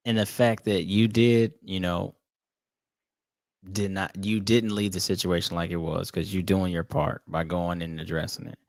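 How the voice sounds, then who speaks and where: A deep-voiced man talking thoughtfully on a podcast, choosing his words with pauses. The sound is dry and close, with no room echo. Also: flat delivery, darkish tone. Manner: reflective, measured, hesitant. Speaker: podcast co-host. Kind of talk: casual discussion podcast.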